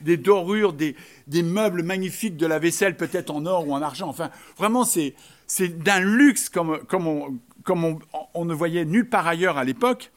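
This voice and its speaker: A man with a high voice delivers a sermon in a conversational way. He makes joking asides to the congregation and drives his points home by repeating phrases. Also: lively intonation, moderate pace. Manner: emphatic, repeating key phrases. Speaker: preacher.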